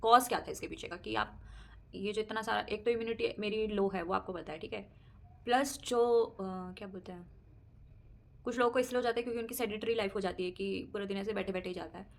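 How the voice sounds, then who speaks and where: A woman's voice: medium pitch, brisk, gravelly. A young adult woman vlogger chatting casually to camera about her daily life, laughing often and mixing in English words. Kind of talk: casual personal chat to camera.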